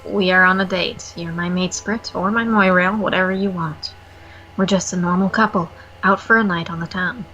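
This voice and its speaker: A woman's voice: lowish voice, fairly even intonation, moderate pace, bright, forceful tone, highs cut off, a little hiss or hum. Woman voicing a guarded young troll girl. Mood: goofy nerdy.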